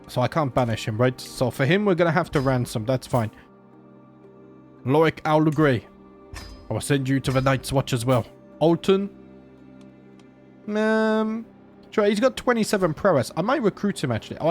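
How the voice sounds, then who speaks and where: A man with a sore throat hosts a gaming channel, his voice on the high side with a darkish tone. He chats casually, jokes and thinks aloud while playing a strategy game for a let's play.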